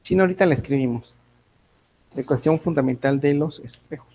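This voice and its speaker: A man's voice: fairly high pitch, fairly quick, warm tone, breathy edge, rough recording. A man teaching a physics class, thinking aloud, correcting himself and checking in with his students. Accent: Mexican Spanish. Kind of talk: online class lecture.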